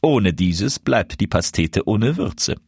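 Brief: man playing a scornful stranger, husky, drawn-out delivery. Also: fairly low pitch, animated, a little mellow, dry recording, studio quality, exaggerated voice. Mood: mocking. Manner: slow, sneering. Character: sly mocking foreign guest, male.

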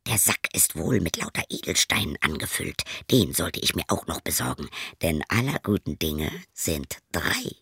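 A man voicing a greedy, scheming male innkeeper in a fairy tale, hushed when plotting and high and whining when begging. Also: fairly even intonation, slow pace, few pauses, no room sound, studio quality.

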